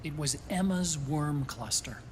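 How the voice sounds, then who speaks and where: An actor playing an earnest, worried middle-aged scientist, explaining things with concern in dramatic game dialogue. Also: male voice, a little high, unhurried, a little hiss or hum, natural voice. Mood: earnest, explanatory.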